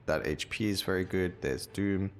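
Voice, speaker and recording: A man plays a video game and chats casually to his audience, thinking out loud about his choices as game music runs underneath. He has a low-pitched voice and speaks at a normal speed.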